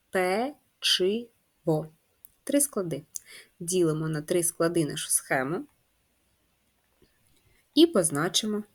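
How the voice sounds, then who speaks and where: A woman's voice: on the low side, husky. A woman teacher giving a first-grade handwriting lesson, patient and instructive, spelling out letters and sounds one by one. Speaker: primary school teacher.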